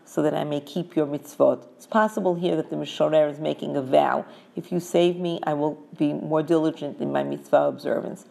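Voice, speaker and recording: Woman teaching verse by verse, kinda low and gravelly, slow careful reading. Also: mellow. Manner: reads verse in Hebrew, then explains in English. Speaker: Torah teacher. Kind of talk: measured scriptural lesson.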